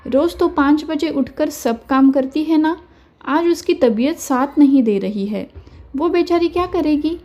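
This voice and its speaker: Woman voicing a wise, calm grandmother. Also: high-pitched, pitched above the performer's own voice. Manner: gentle, measured counsel. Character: older mother-in-law, calm, wise, quietly firm.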